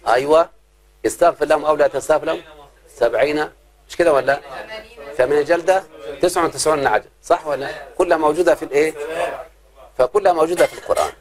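A man with an Egyptian accent teaching an Arabic grammar lesson to a class, often stopping to quiz his students and stretching out his example phrases. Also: fairly high pitch. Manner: questioning, drawn-out examples.

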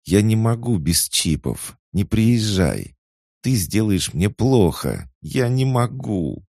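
A man with a deep, gravelly voice voicing a frightened, broken young woman, an addict who pleads through tears. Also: animated, warm tone, no echo, studio quality, exaggerated voice. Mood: terrified pleading. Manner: tearful, halting pleas.

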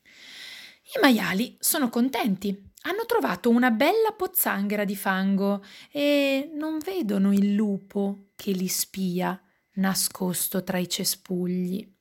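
A woman who works as an educator and musician, reading a picture book aloud for young children in an expressive way. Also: mid-range voice. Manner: slow, expressive storytelling.

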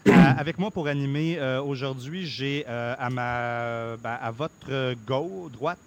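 A man with a Québécois accent hosting a podcast casually, in a halting, hesitant way. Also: mid-range voice, muffled recording, a little hiss or hum. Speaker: podcast host.

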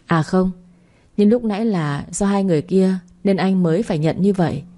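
A woman's voice: mid-range voice, moderate pace, warm tone, lightly acted. A woman voicing a flustered, protesting young woman who runs a flower shop, in an audiobook romance.

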